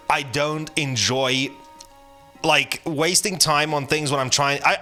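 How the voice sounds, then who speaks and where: A man rambles through an offhand opinion piece, his voice bright and forceful, full of restarts and salty language. Faint music sits under his talk. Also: mid-range voice. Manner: rambling, many restarts and fillers, blunt and profane. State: hiccuping. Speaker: gaming channel host. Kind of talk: casual rambling game commentary.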